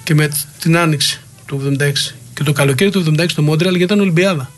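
A man's voice: a little high, soft background music. A middle-aged man, a former wrestler, being interviewed and telling rambling, heated anecdotes full of quoted dialogue. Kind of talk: interview storytelling.

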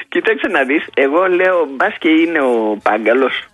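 A woman's voice: sits low, lively intonation, fairly bright tone, dry recording, low-quality recording. A woman calling in to a radio quiz and chatting with the host in a friendly, familiar way. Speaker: caller. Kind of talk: casual phone chat.

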